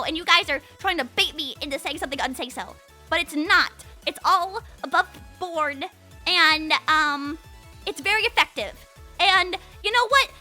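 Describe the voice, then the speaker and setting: This livestream host, a woman in her twenties, keeps up casual, playful chatter that rambles and leans heavily on the filler "like." She speaks in a very high voice with a sharp tone.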